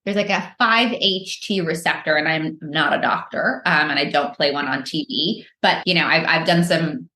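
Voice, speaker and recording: A woman's voice: deep voice, normal speed, few pauses, pushed and bright. A woman guest on a podcast, explaining things casually with lots of fillers and restarts. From United States. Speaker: podcast guest, microdosing entrepreneur. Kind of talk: casual interview answers. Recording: roomy echo.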